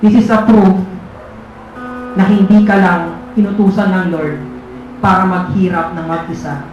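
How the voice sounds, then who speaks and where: High-voiced preacher in a very echoey hall. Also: male voice, level tone, measured pace, muffled recording. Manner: switches between Tagalog and English, asks the crowd "diba?" again and again. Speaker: youth fellowship preacher. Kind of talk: sermon. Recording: echoey hall with guitar music behind.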